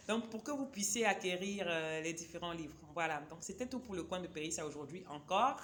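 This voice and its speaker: Animated and fairly bright in tone, this woman's fairly low voice moves at a moderate pace over a little hiss or hum. A chatty, digressive vlogger presenting books, she talks directly to viewers, and her first language is a Cameroonian local language.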